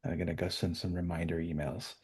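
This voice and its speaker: A man's voice: low voice, little pitch movement, a little fast, darkish tone, slightly rough. A man hosting an online webinar, chatting casually in an upbeat way with lots of fillers. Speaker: webinar host.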